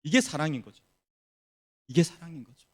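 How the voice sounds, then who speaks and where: A male pastor preaching a sermon, animated, acting out the people he quotes. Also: a little high, a little fast. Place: church sanctuary.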